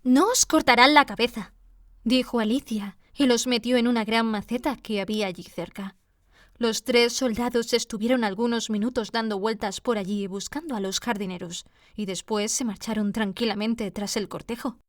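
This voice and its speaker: A woman narrating a classic storybook with a steady, measured reading. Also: on the high side, no echo, studio quality. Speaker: audiobook reader.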